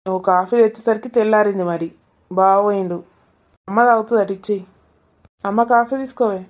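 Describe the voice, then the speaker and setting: A woman's voice: medium pitch, fairly even intonation, fast, voice pushed down, close to an everyday voice. A woman doing a teasing young family woman. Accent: Telangana Telugu.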